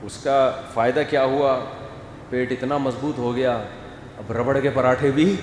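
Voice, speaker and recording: A man preaching a sermon, animated and acting out family scenes. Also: medium pitch, slight background noise. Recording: echoey hall, faint ambience.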